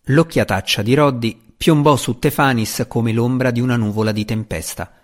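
A man narrating a fantasy audiobook with expressive, dramatic storytelling. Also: mid-range voice, moderate pace.

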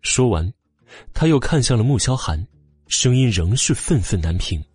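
Expressive male audiobook narrator, husky. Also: mid-range voice, normal speed, no room sound. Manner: expressive, acts out all parts. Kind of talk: scripted narration. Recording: dry close mic with faint music.

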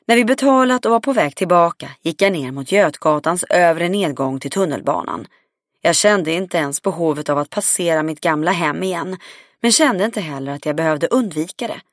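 Woman audiobook narrator, low-ish voice, even read, dry studio. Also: no room sound. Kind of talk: scripted first-person narration.

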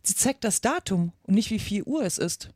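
A woman's voice: mid-range voice, lively intonation, normal speed, a little mellow, dry recording, lightly acted. A woman voicing a polite, curious young girl who is prim and a little stern, in a read-aloud storybook with a dry sound. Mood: puzzled.

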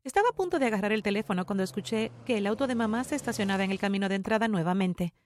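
Excitable woman narrating a story. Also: mid-range voice, racing, slight background noise. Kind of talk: first-person story narration.

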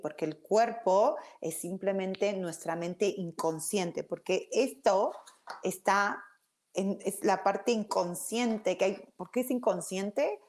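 A woman giving a lively explanatory talk, tagging her sentences with "ok?". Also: medium pitch, slow pace. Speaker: speaker teaching about emotions.

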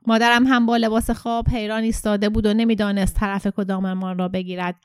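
A woman narrating an audiobook story in a steady, clear storytelling voice. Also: mid-range voice, no echo, clean studio sound.

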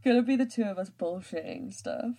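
A woman's voice: mid-range voice, wildly swooping pitch, fairly quick, vocal fry, warm tone. A woman co-hosting a podcast in casual chat, laid-back and wry. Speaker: podcast co-host.

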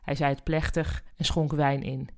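A woman podcast host reading a story chapter aloud in a calm, even manner. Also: sits low, moderate pace.

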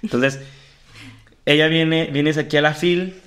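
A man's voice: on the high side, steady tone, measured pace, a bit bright. A man hosting a casual podcast chat, teasing and rambling with restarts. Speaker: podcast host.

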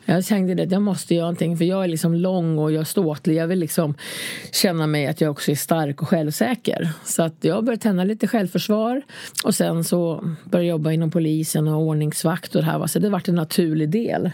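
A middle-aged woman from Hälsingland, a former bodyguard, calmly and frankly telling her story as an interview guest in a studio. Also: lowish voice, dry recording. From Sweden, Hälsingland. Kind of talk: casual interview chat.

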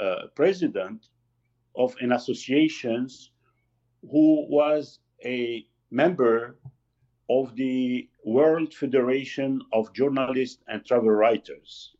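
A man in his sixties from Lebanon, talks as an interview guest, pausing often and searching for words. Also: medium pitch, darkish tone. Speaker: magazine founder, guest. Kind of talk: casual interview talk. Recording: slightly dull lo-fi audio.

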